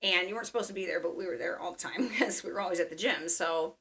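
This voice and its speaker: A woman with a bright, forceful tone tells a long personal story in easy conversation. She talks in a chatty way, leaning on fillers as she goes. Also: lowish voice, quick pace. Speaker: dreamer guest.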